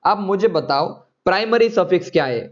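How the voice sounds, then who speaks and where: A man's voice: high voice, expressive, normal speed, muffled recording. A man teaching chemistry in an online class, coaxing students and checking often whether they follow.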